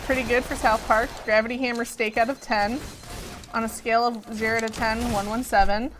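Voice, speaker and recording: A woman's voice: a little high, little pitch movement, a little fast, background noise. A woman hosting a live gaming stream, chatty, giggly and a bit distracted. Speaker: stream host. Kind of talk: casual live-stream chat while gaming.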